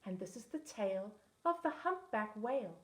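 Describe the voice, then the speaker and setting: A woman teaching assistant reads a rhyming picture book aloud with a lilting rhythm, her mid-range voice full of lively intonation at a moderate pace. The room is echoey.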